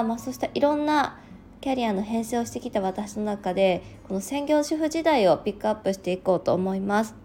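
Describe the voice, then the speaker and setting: Soft-spoken Japanese working mom podcaster. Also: female voice, fairly high pitch, slight background noise. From regional Japan. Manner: soft-spoken, reflective, with frequent fillers. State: just woken up, slightly slow-tongued. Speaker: podcast host, working mother. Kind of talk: casual solo podcast talk.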